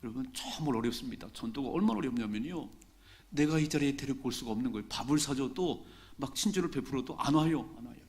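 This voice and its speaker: Man, middle-aged pastor, Sunday sermon in church, conversational, repeats phrases, average pitch. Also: animated, fast talker, darkish tone. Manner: conversational preaching, repeats key phrases for emphasis. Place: church sanctuary during a Sunday service.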